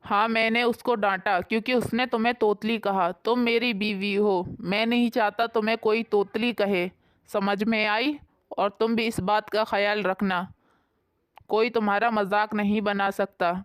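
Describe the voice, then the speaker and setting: A woman's voice: mid-range voice, fairly even intonation, moderate pace, clear, resonant tone, no echo, studio quality, close to an everyday voice. A woman voicing an irritable young husband who scolds his wife in firm, stern lines. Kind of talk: storybook voice acting.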